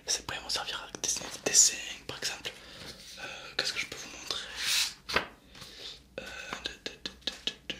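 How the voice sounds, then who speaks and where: A young man whispering softly in an informal, chatty ASMR style, speaking directly to viewers into a close binaural microphone. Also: moderate pace. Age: young adult. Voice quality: soft unvoiced library-style whisper. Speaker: ASMR video host. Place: small indoor setup. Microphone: close binaural ear-shaped microphone.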